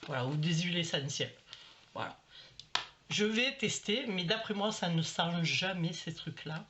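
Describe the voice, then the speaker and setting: A middle-aged woman chatting casually to camera at home, rambling and full of fillers as she shows her shopping. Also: fairly low pitch. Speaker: vlogger showing a shopping haul. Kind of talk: casual haul chat to camera. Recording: slightly dull home recording with faint noise.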